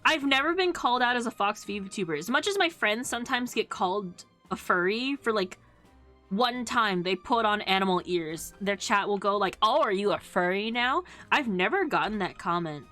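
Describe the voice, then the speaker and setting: A woman's voice: mid-range voice, lively intonation, normal speed, sharp tone, faint music behind. A woman chatting casually on a livestream in a cute, playful anime-streamer manner, rambling and giggly. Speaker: VTuber streamer. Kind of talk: casual livestream chat with viewers.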